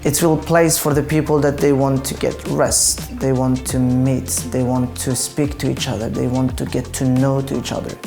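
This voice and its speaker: A young man tells his story in a documentary interview, in halting, earnest English. His voice sits at a middle pitch with plenty of gravelly fry, and faint music plays underneath. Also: flat delivery, dark tone. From Afghanistan. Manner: earnest, reflective, halting second-language English. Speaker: yoga teacher and project founder.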